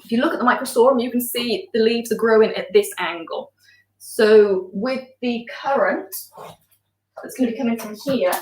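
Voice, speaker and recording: A woman's voice: fairly high pitch, roomy sound, distant mic, poor audio. A woman chatting casually while planting an aquarium, explaining as she goes with frequent ums. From outside Denmark. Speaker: aquascaper.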